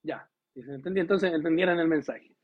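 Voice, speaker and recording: A man preaching a sermon to his congregation, asking them questions and acting out quoted dialogue in a lively way. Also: a little high, a little fast, breathy edge. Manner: lively, voices God and biblical figures in quoted dialogue. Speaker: pastor. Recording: dull lo-fi recording.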